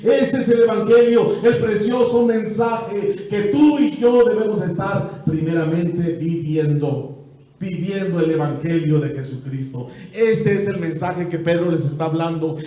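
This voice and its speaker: A male pastor with a Mexican accent preaching an evangelistic sermon, building through repeated phrases and falling back to quiet stretches. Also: sits high, measured pace. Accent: Mexican Spanish. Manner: rhythmic preaching with repeated phrases, swelling and dropping. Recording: very echoey church hall, mic far off.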